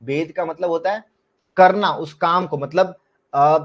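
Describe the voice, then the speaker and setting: A man with an Indian accent teaches a live online class, mixing Hindi with English terms and often stopping to quiz his students. His voice sits fairly high for a man. The sound is somewhat dull and lo-fi. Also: steady tone, unhurried. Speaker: shorthand teacher.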